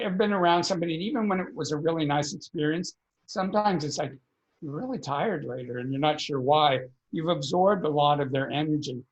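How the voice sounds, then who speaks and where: A man's voice: a little high, muffled recording. A man, a podcast guest, earnestly explaining energy work in a conversational interview, often repeating words as he thinks.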